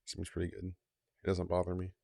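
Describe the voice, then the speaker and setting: Low gravelly guy streaming from home, rambling, swears a lot, dry close mic. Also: monotone, fairly quick, mellow, dry recording. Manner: rambling and profane, talks to his chat. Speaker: game streamer. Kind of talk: casual live-stream chat. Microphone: mic just below the mouth.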